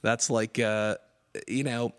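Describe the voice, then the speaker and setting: A man's voice: medium pitch, little pitch movement, takes it slowly, smooth. Man, middle-aged, radio DJ, from Quebec, casual rambling chat, filler-heavy. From Quebec, Canada. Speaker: radio DJ and record collector.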